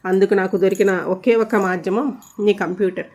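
A woman's voice: medium pitch, steady tone, brisk, darkish tone, lightly acted. A woman voicing the spirit of a murdered young woman, speaking earnestly and mournfully in a storybook tale. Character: dead young woman's spirit, pleading for justice.

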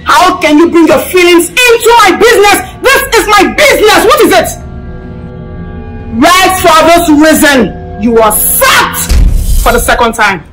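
A woman's voice: sits high, lively intonation, slow pace. Woman playing a furious Nigerian shop boss. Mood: angry. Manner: shouting, scolding. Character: bossy, hot-tempered woman shop manager. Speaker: furniture shop manager. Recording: shop with loud background music.

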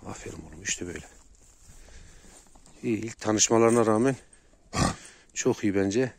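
Low gravelly man coaxing his dogs. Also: moderate pace. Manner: coaxing, calm commands to dogs. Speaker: dog owner vlogger. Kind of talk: casual outdoor vlog. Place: outdoors near a valley. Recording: noisy outdoor recording. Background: dogs barking.

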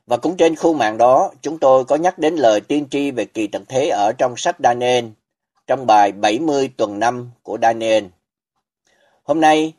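In a voice-over, a man preaches from a script, his delivery solemn and measured, punctuated by weighty pauses. The voice is mid-pitched with a somewhat dark tone.

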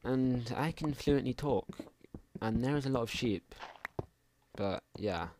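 A man's voice: mid-range voice, lively intonation, slow pace, background noise. A young man casually commenting while playing a game at home, rambling through mumbled asides into a desktop microphone. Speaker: gaming channel host. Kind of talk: casual let's play commentary.

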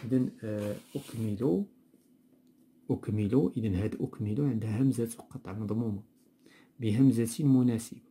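Moroccan guy teaching a textbook lesson, dark mellow voice, kinda husky, repeats stuff slowly. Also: on the low side. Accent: Moroccan Arabic. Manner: explanatory, repeats words slowly, mixes dialect with standard Arabic.

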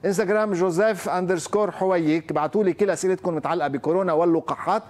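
A man's voice: high-pitched, racing, darkish tone. A man with a Lebanese accent hosting a morning TV show, chatting casually and teasing his guest. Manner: joking, teasing. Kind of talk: casual TV chat.

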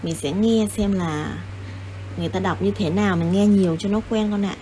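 A woman explains a children's English lesson. She is patient and coaxing, repeating words and spelling them out syllable by syllable. Her voice sits at a middle pitch over a faint background hiss. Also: brisk, warm tone.

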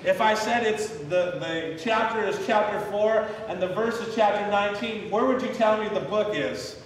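Guy pastor preaching, kinda high voice, booming echoey hall, picked up from far off. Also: normal speed, crowd noise. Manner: leads the congregation in call-and-response, repeating a memory verse. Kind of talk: sermon. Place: church sanctuary. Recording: echoey church hall from a distance.

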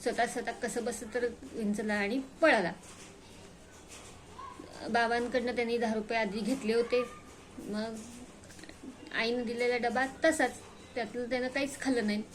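A woman's voice: a little high, moderate pace, long pauses, a little hiss or hum. Woman telling a children's story. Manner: simple, animated storytelling with restarts.

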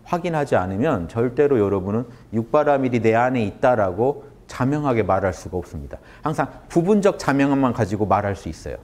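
A man lectures a live audience on Buddhist teachings, and his pitch swings up and down a lot as he speaks. He keeps turning to his listeners with questions. His voice sits at an average pitch for a man. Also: brisk, hardly any pauses. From Korea. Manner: animated, asks the audience questions.

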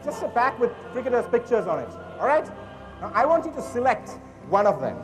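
His very high voice swings widely in pitch as he speaks fairly quickly, a young man doing showy, playful stage magic patter like a kids' party act and giving the audience instructions. It's recorded on a large auditorium stage before a crowd, with hall echo, long reverb and faint background music.

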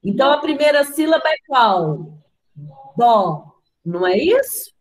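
A woman's voice: high voice, sing-song, normal speed, poor audio. A woman with a Brazilian Portuguese accent teaching young children in an online class. She is patient, spells words out syllable by syllable and asks the class questions. Her voice comes through a video call from a computer. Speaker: primary school teacher.

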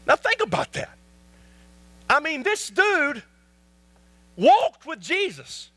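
A man preaching from the pulpit in a very high, bright, ringing voice. He drives his points home with repeated rhetorical questions and swings from quiet asides to loud climaxes. The sound is close and dry. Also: no room sound. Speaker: pastor. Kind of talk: sermon.

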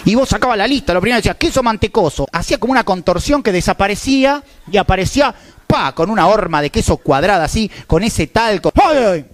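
A man's voice: sits high, fast, no echo. A man with a Rioplatense Argentine accent telling stand-up stories in crude street slang and acting out neighborhood characters. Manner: animated, acts out neighborhood characters. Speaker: stand-up comedian. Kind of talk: stand-up storytelling.

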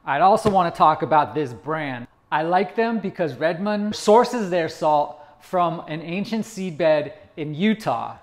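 A man's voice: fairly high pitch, animated, unhurried, few pauses. A man in his thirties hosting a home cooking demonstration, explaining each step to the camera in an upbeat way, recorded in a kitchen. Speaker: cooking video host.

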